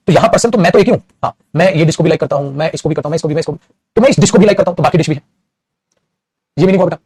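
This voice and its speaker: A man teaching grammar at a rapid clip, his voice high for a man and a little husky. He repeats himself often and keeps checking in with the class. The sound is dry and close. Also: a little mellow, dry recording. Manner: repetitive, addresses students as "beta", frequent "very good". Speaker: English teacher. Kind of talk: classroom-style grammar lesson.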